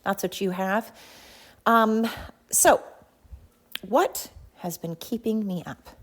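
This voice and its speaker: A woman hosts a solo podcast, talking into her phone while pacing, in a chatty, rambling, self-deprecating and slangy way. Her voice is mid-range and she takes it slowly.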